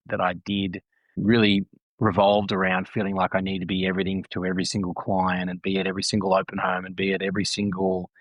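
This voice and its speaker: A man in his thirties, appearing as a guest on a casual podcast, speaks earnestly and reflectively and often repeats phrases. His voice sits on the low side with a fairly bright tone, on a rough recording without echo.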